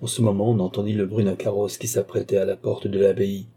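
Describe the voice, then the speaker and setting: A male audiobook narrator reading a classic novel in a measured, even way. His voice is very dark and mellow, with a husky grain. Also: on the low side. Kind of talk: scripted narration.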